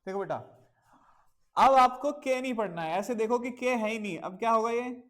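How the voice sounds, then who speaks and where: A man's voice: extremely high pitch, normal speed, fairly bright tone. A male teacher giving a children's English lesson, patiently repeating words and spelling them out letter by letter, mixing Hindi with simple English phrases.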